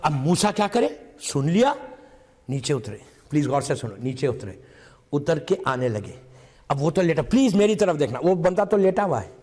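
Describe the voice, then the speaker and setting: Guy preaching a dramatic sermon to a gathering, voice all over the place and high, big echoey hall. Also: very animated. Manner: acts out dialogue in a rising, impassioned voice and sometimes shouts; mixes English words into his speech. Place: religious gathering hall with a live audience. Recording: long reverb of a large hall.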